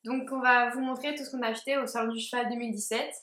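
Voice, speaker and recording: Young female vlogger, casual and chatty, lots of "euh", a bit high-pitched, in a roomy space. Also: steady tone, fast talker, a bit bright. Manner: chatty, hesitant, many fillers. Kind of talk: casual haul video chat. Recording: echoey room.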